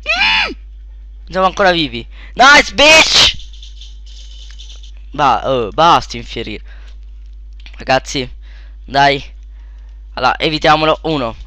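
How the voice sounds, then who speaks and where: Young guy gaming at his computer, bright voice, yelps and wild pitch jumps then low mumbles, dry sound. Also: a little slow, long pauses, slight background noise. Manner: excitable, yelps and shouts at in-game deaths, then mutters low. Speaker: let's play gamer. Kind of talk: casual gameplay commentary.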